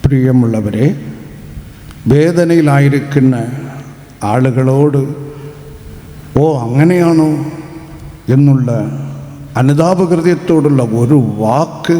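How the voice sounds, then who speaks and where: A man translates a sermon live, phrase by phrase, in a dark, mellow voice. He takes his time with each line and sounds earnest. His words carry a long reverb in a roomy hall. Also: mid-range voice, slow pace, long pauses. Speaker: sermon interpreter.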